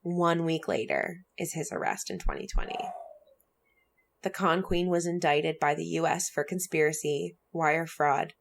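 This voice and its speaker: Gravelly low-voiced woman telling a story. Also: a little slow, a little hiss or hum. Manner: chatty, filler-heavy, animated retelling. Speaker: podcast co-host. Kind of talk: casual storytelling chat.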